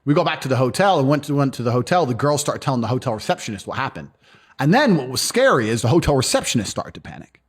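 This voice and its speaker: A man's voice: medium pitch, slightly rough. A man telling stories in a casual interview, blunt and profane. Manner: fast, animated, profane storytelling. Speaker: guest.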